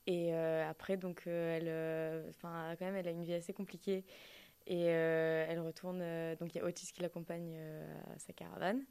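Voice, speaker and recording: A woman guest in a casual chat, telling a story haltingly with many pauses. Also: fairly low pitch, little pitch movement, mellow, smooth.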